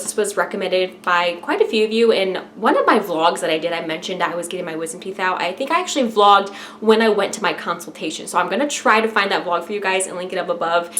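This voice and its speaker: A woman's voice: mid-range voice, a bit bright, slight background noise. A woman talking casually and directly to viewers in an informal, chatty vlog style. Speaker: vlogger.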